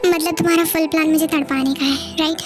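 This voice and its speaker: A woman's voice: sits high, steady tone, fast, over music, close to an everyday voice. A woman voicing a possessive, impatient young man in love, in a pushy and demanding way.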